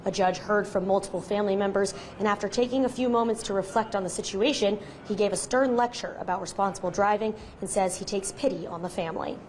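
A woman's voice: medium pitch, quick pace, few pauses, darkish tone, a little hiss or hum. A woman in her twenties giving a scripted live news report into a handheld mic outdoors. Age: 20s. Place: outdoors by a city courthouse. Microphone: handheld microphone. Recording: faint outdoor city ambience.

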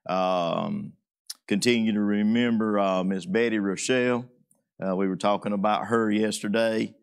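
A Southern American pastor speaking gently from a pulpit mic in a church sanctuary, pausing often with fillers. His voice sits a little low. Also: fairly even intonation, gravelly, clean tone. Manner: gentle, halting with many fillers. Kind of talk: leading church prayer requests.

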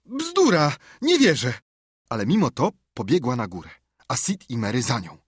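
A man reading an audiobook as narrator, expressive in his storytelling, on a studio microphone. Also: medium pitch, brisk, husky, dry recording. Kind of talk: scripted narration.

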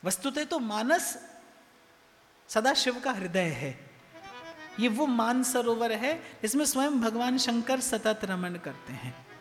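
Male spiritual speaker, slow deliberate delivery, emphatic repetition; temple hall with long reverb. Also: very high voice, animated. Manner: slow, emphatic, repeats phrases for effect. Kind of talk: devotional sermon. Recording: long hall reverb, faint music behind.

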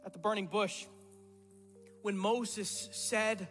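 Speaking slowly in a high, steady voice, this middle-aged man delivers a sermon as pastor, hammering points home by repeating words. He stands on a church stage before the congregation, and soft music plays in the echoing hall.

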